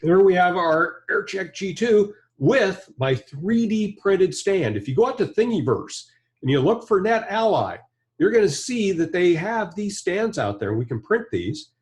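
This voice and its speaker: An American man in his fifties, a trainer and presenter, gives a hands-on product tutorial in a plain-spoken, conversational, explanatory way. His voice is slightly high with a darkish tone, and he's in an indoor studio or workshop with a backdrop and bench.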